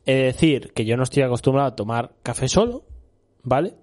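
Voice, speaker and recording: A man's voice: medium pitch, expressive, fairly quick, a little mellow. A young man from Spain, co-hosting a casual chat and telling a rambling story, often laughing and saying "tío". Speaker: co-host.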